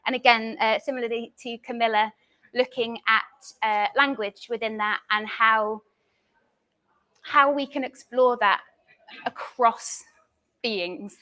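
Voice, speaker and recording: A woman artist speaks at a live panel event in a slightly high voice. She is chatty and self-deprecating, and her talk is dotted with small fillers. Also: steady tone, slow pace, sharp tone. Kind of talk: introducing herself on a live panel.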